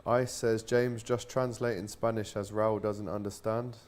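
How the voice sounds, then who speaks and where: Low-voiced man hosting a live stream. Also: little pitch movement, unhurried, darkish tone. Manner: reads viewer comments aloud, casual. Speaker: live stream host reading chat. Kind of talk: casual live watch-along.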